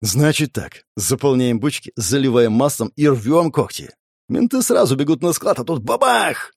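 A man's voice: mid-range voice, sing-song, moderate pace, gravelly, dry recording, clean studio sound. A man voicing a cocky, confident male pyromancer with a brash way of talking.

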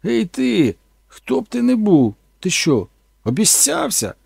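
A man voicing a shrill, furious glamorous actress who shrieks and scolds in an audiobook. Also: wildly swooping pitch, measured pace, vocal fry, darkish tone, slightly rough, no echo, clean studio sound, full character voice. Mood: indignant. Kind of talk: audiobook character voice.

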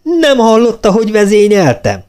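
A fearsome drill sergeant, as a man puts him on, barking orders in a raised, loud voice. Warm, dark timbre with lively, swinging pitch, a storybook comedy character. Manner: barking commands, falsely jovial.

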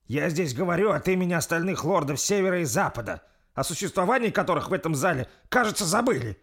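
A man voicing a defiant lord who shouts his demands in a strained, high voice. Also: animated, fast, breathy edge, full character voice. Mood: furious. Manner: shouting, indignant. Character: furious older male lord, defiant and loud.

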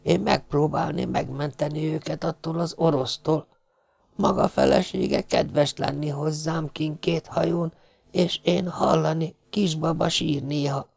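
A man's voice: on the high side, animated, vocal fry, a little mellow, no echo, pitched above the performer's own voice. A man voicing a dying, wounded male ship's cook who whispers faintly in broken grammar. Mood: pleading.

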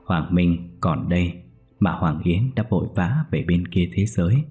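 A man narrates a ghost story in a steady, somber storytelling voice. His tone is deep and mellow, with faint music underneath. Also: a little slow.

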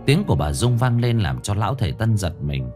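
A man narrating a ghost story in a lowish voice that swoops with lively, dramatic intonation. He reads with suspense, and faint music plays underneath. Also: brisk.

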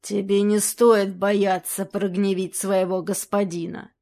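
Lady doing a cruel bearded bandit, growls slow threats, storybook villain. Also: mid-range voice, steady tone. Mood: threatening.

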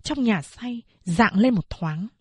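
Husky woman reading a novel aloud. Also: medium pitch, takes it slowly, no room sound. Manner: steady storytelling. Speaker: audiobook narrator. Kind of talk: scripted novel narration.

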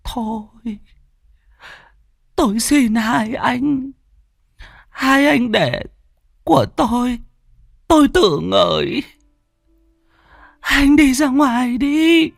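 A man voicing a frail, bedridden old mother who pleads and weeps in a high, quavering falsetto, within a spoken ghost story. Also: animated, drawn-out words, creaky, pauses often, no echo, clean studio sound, soft background music, full character voice. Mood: tearful pleading.

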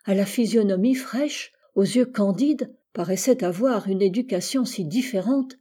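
A woman narrates a classic novel for an audiobook, keeping a measured, even pace through long sentences. Her voice is mellow and soft at the edges, with a husky grain. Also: mid-range voice. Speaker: audiobook reader. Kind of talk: scripted literary narration.

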